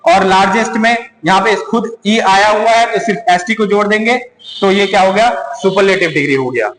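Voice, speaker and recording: Guy teaching grammar, high voice, keeps asking then answering himself, big echoey room w long reverb. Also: a bit bright, a little hiss or hum. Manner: repeats key words slowly, asks and answers his own questions. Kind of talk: grammar lesson.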